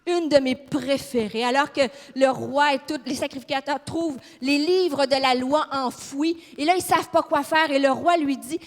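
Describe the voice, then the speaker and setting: Preaching with fiery emphasis, a Québécois woman from Quebec keeps asking her congregation questions. She talks at normal speed with few pauses in a high voice, and the long reverb of a big church hall surrounds her words.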